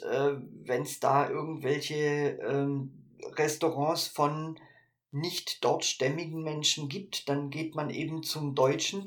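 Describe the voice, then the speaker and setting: A man with a slightly raised voice talks through ideas on a casual podcast. He thinks aloud, pausing on fillers and restarting his sentences as he goes. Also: fairly high pitch, a bit bright. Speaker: podcast co-host.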